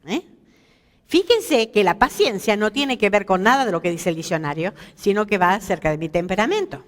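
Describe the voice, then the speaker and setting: Woman bible teacher at a ladies seminar, pitch jumps all over, long echo from the church hall. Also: normal speed. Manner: lively, asks the audience questions, jokes about herself.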